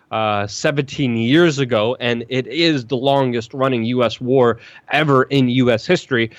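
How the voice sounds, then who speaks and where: A man who grew up in Poland hosts a live-stream chat in a voice of middle pitch. He talks in rapid bursts that stumble, restart and repeat phrases. His voice sits close and dry, with no room sound around it. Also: dry recording. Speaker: host.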